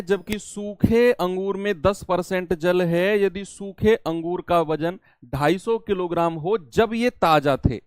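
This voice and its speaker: A young male maths teacher with a smooth, clear voice that sits fairly high for a man. He talks slowly and patiently, putting questions to his students and answering them himself at each step. The sound is close and dry. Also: no echo. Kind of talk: exam-prep maths lesson.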